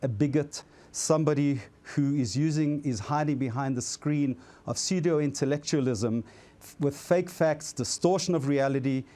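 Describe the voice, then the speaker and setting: A man from South Africa, founder of an advocacy group, arguing forcefully and categorically in a debate. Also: on the high side, normal speed. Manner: forceful, categorical, stumbling at times. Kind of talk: studio debate.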